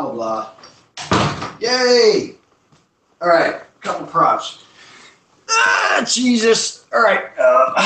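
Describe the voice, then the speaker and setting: A man's voice: on the high side, a bit bright, roomy sound, slight background noise. A man hosting a casual live stream from home, joking and rambling as he shows things to his viewers. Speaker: host.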